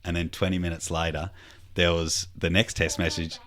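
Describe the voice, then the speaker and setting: A man's voice: sits low, flat delivery, moderate pace, fairly bright tone. A young man telling a story in a laid-back chat, swearing freely and trailing off with fillers. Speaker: podcast host.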